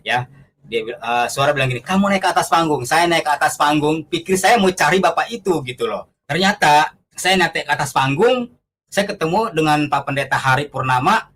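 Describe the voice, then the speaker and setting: A man's voice: a little high, expressive, moderate pace, fairly bright tone. A man giving an earnest, conversational testimony, telling his story with fillers and acted-out quotes.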